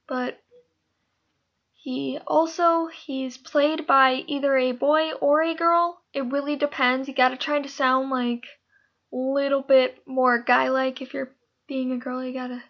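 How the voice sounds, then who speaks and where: A woman's voice: high voice, a bit bright, dull audio. A woman hosting a casting call, talking casually and rambling with lots of fillers and self-corrections. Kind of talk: casual talk describing characters.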